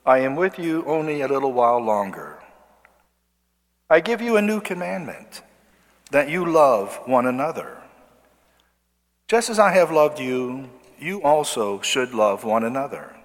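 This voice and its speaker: Male priest, middle register, unhurried liturgical delivery, big reverberant cathedral sound. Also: medium pitch. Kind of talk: liturgical Gospel reading and homily. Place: large church. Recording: long cathedral-like echo of large space.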